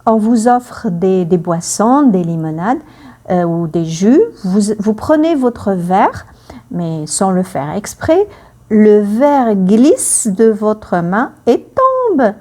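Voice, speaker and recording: A woman teaching a French lesson, speaking slowly and clearly, repeating phrases for learners and acting out the emotions in her example sentences. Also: mid-range voice, lively intonation, warm tone.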